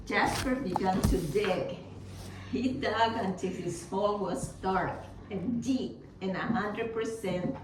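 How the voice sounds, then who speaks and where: A woman reading a children's story aloud with dramatic emphasis, occasionally stumbling over the text. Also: medium pitch. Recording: roomy, distant mic, noisy background.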